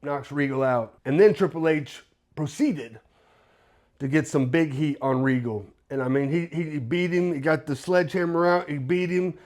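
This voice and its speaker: A man, a former pro wrestler, telling behind-the-scenes stories in a casual, animated vlog, acting out voices and sound effects. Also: a little high, normal speed.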